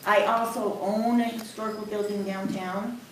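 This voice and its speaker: A bubbly, enthusiastic woman introducing herself at a community meeting, at a middle pitch. Her voice is distant in a very echoey room. Steady noise runs behind her. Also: normal speed. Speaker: main street board member.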